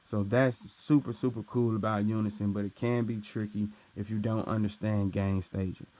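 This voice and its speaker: Teaching a casual tutorial, a recording engineer with a deep, darkish voice talks at normal speed in a level tone. He explains loosely, leaning on "right?" and "uh", speaking through a studio mic and his interface.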